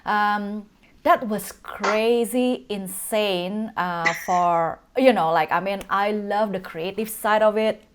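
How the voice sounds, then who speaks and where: A woman's voice: mid-range voice, slow pace, background noise. A woman from Indonesia, hosting a podcast interview in an effusive, enthusiastic way with hesitant phrasing. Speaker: podcast host. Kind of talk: casual interview conversation.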